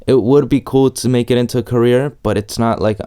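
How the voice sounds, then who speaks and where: A young amateur BMX rider from El Salvador, long resident in New York, chats casually as an interviewee in an easygoing, slangy, hedging way. His medium-pitched voice is steady, warm, and clean, and he talks fairly quickly.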